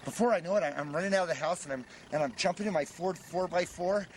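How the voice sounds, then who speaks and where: Stammering high-voiced man, frantic. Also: fast, a little hiss or hum. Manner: stammering, repeats words in nervous bursts; frantic, self-mocking. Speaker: comic monologue performer. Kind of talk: comic confessional monologue.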